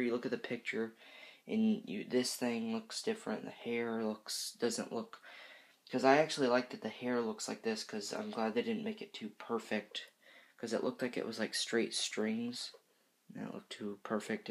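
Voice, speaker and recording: Creaky, monotone teenage boy. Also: on the low side, moderate pace. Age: teenager, fifteen. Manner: hesitant, rambling, self-correcting. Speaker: reviewer of horror movie masks. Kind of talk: casual, unscripted product review.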